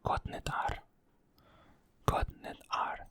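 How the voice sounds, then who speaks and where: Speaking in a gentle whisper, this Portuguese ASMR creator goes slowly and says every phrase twice over.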